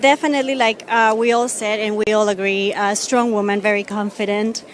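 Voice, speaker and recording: A woman's voice: medium pitch, steady tone, fairly quick. A woman giving a casual interview answer as a judge, hesitant and repeating words as she goes. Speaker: pageant judge. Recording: busy crowd noise behind.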